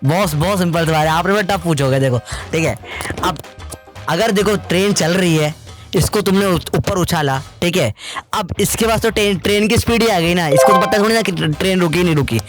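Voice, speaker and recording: A man's voice: high-pitched, brisk, soft background music. A young man, a physics teacher, bantering playfully in a quiz and laughing often. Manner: jokey, laughing, keeps calling things simple.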